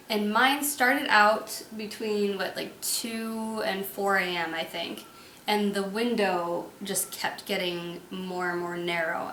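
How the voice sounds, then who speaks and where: A young woman talks frankly about her own experiences, laughing easily now and then. Her voice has a bright, clear edge. The sound is roomy, as if recorded in a room at home, with a faint hum behind it. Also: medium pitch. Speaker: vlogger. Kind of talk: casual storytelling chat.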